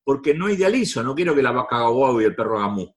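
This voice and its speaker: Rioplatense man, motivational speaker, very animated intonation, hammering points home. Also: mid-range voice, very fast. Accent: Rioplatense Spanish. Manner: repetitive, emphatic, preachy. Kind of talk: live talk to an audience.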